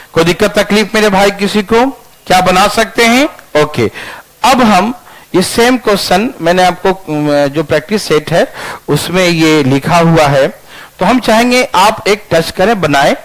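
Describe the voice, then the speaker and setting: A man with a high voice leads a math lesson. He talks each calculation through step by step, mixes English phrases into his explanation, and keeps pausing to ask whether the class is following. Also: poor audio. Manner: checks understanding often, repeats steps aloud. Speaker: teacher.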